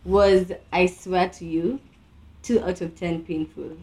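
A young Kenyan woman hosting a casual podcast chat, her speech slightly impeded by a new tongue piercing, animated and slangy. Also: lowish voice, takes it slowly. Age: young adult. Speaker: podcast host.

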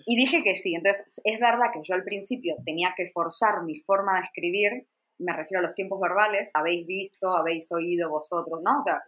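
Chatty Argentine woman, lowish voice. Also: a little fast, fairly bright tone, rough recording. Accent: Argentine Spanish. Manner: chatty and reflective, with frequent fillers. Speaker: podcast guest. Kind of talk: casual conversation.

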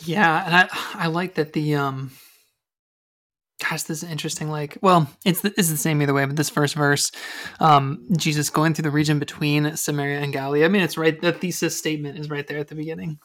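A man co-hosting a casual podcast, talking in a relaxed, hesitant way with many fillers. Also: fairly high pitch, fairly quick. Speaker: podcast co-host. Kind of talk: casual lectionary podcast chat.

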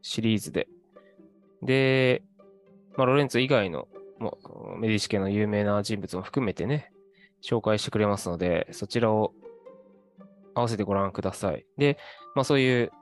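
A man's voice: on the low side, moderate pace, pauses often. Guy chatting casually on his channel, lots of ums, faint music behind. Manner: relaxed, chatty, with many fillers and asides. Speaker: host. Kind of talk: casual video commentary.

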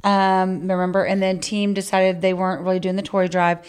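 A woman's voice: medium pitch, level tone, a little fast, a little mellow, clean tone. A middle-aged woman co-hosting a podcast, chatting casually and heartfelt, rambling with many fillers. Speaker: podcast co-host. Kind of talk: casual chat.

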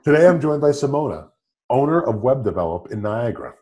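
Faint music plays behind a male podcast host whose medium-pitched, darkish voice moves quickly in a sing-song way. After reading his scripted intro, he shifts to casual, upbeat questioning loaded with fillers.

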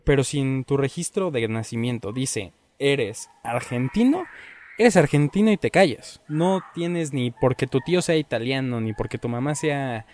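A man's voice: mid-range voice, animated, normal speed, a little mellow, a little hiss or hum. A man in casual chat, arguing his points emphatically and repeating them. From Mexico.

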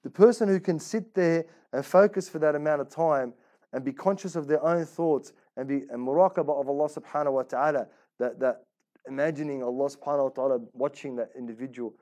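Fairly high and mellow, this man's voice moves a little fast. As an Islamic teacher in a religious class, he gives a casual, conversational sermon built on rhetorical questions, repetition, Arabic religious phrases and role-played inner voices.

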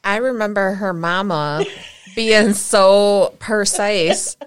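A woman's voice: medium pitch, takes it slowly, clear, resonant tone. A woman co-hosting a podcast, teasing and blunt in casual chat.

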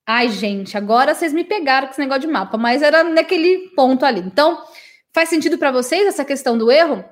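A woman with a bright, high-pitched voice gives a live English lesson to her viewers. She is from Brazil and talks in a chatty, affectionate way, checking in with her audience and often tagging her sentences with little questions. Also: expressive, fast. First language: Portuguese. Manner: chatty and warm with her audience, many "né?" tags. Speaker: English teacher.

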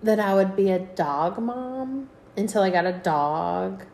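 Slow, rambling woman host who laughs easily, recorded in a roomy space. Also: medium pitch, lively intonation, creaky, darkish tone, a little hiss or hum. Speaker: podcast host. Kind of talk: casual podcast chat. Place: room at a friend's house. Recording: echoey room.

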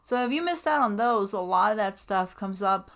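A woman co-hosting a podcast in a casual, conversational style, with an average-pitched voice. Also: animated, moderate pace, a bit bright. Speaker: podcast co-host. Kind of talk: casual chat.

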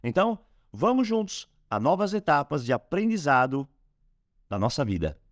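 Calm man teaching, lively pitch. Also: no room sound, studio quality. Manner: lively, rising and falling delivery, slowing on mantras. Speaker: host teaching a spiritual technique. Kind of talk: calm instructional talk.

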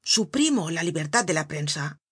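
A woman voicing a gruff, commanding poor father who barks orders abruptly. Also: deep voice, sing-song, moderate pace, a bit bright, no echo, studio quality, full character voice. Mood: curt.

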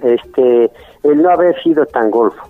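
A man's voice: mid-range voice, unhurried, no echo. A man, an interview guest who speaks candidly and chuckles often. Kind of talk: candid casual chat. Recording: tinny phone-like audio with faint music.

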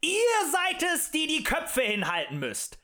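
A man voicing a fiery male demagogue who rants and shouts at a tavern crowd in an audiobook. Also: extremely high pitch, huge pitch swings, normal speed, faint music behind, pitched above the performer's own voice, full character voice. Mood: ranting. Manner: ranting, shouting, rhetorical and accusing.

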